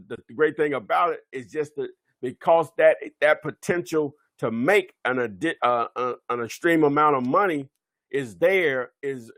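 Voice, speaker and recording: A man's voice: on the high side, fairly bright tone, no room sound. A man presenting a real estate webinar, talking off the cuff with many fillers and self-corrections. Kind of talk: unscripted instructional webinar talk.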